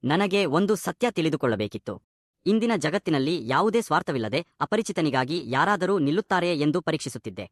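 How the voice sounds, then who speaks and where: A man voicing an elderly, kind company chairman with a measured, solemn manner. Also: on the high side, sing-song, dry recording, studio quality. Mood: calm.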